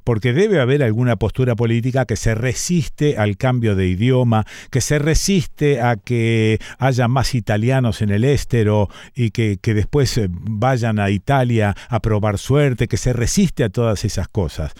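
A man hosting an interview, speaking in a measured, conversational way. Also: mid-range voice, a little mellow, dry recording, studio quality. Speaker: radio host.

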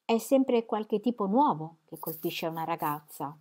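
A woman voicing an idle, proud young man in an audiobook, in a relaxed, slightly sulky tone close to her own voice. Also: medium pitch, unhurried. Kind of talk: audiobook reading.

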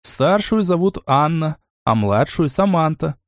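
A motherly former governess speaks, fussy and fond by turns, as a man puts her on for an audiobook. Her voice sits a little high and slow. The sound is dry and close. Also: animated, dry recording. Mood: affectionate. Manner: motherly, strict with children.

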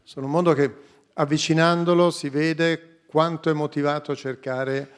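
A man's voice: fairly high pitch, fairly even intonation, normal speed, clear, resonant tone. A man as a radio interview guest, answering earnestly and listing his points one after another. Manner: earnest, lists ideas in a row.

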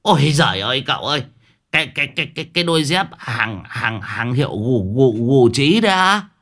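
A man's voice: medium pitch, very animated, brisk, a bit bright, pitched above the performer's own voice. A man voicing a grumbling old driver, cursing and stammering. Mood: exclaiming. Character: old grumbling male driver, cigarette in mouth.

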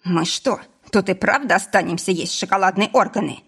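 A woman reading a nervous, panicky young man in a husky voice. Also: medium pitch, a little fast, a bit bright, exaggerated voice.

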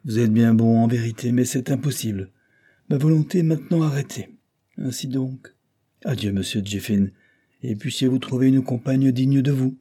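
A man's voice: mid-range voice, expressive, brisk, dark tone, breathy edge. A man voicing a cold, haughty young woman in an audiobook, speaking curtly and with icy superiority.

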